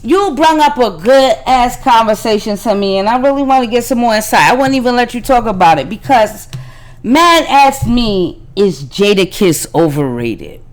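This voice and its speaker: A woman's voice: a little high, lively intonation, moderate pace, faint music behind. A woman co-hosting a podcast in casual, heated chat, arguing in profane slang. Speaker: podcast co-host.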